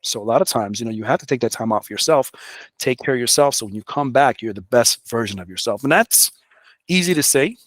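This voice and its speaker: A man's voice: mid-range voice, animated, quick pace, fairly bright tone, dry recording. Candid conversational New man. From the Bronx, New York. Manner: candid, conversational, often adds "you know". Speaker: public works director, guest. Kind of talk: casual interview talk.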